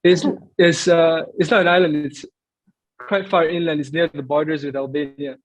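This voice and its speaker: A man's voice: fairly high pitch, fairly even intonation, moderate pace, a crowd in the background, low-quality recording. A young man who grew up in Greece answering interview questions in a thoughtful, hesitant way, with many fillers. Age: young adult. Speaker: footballer guest.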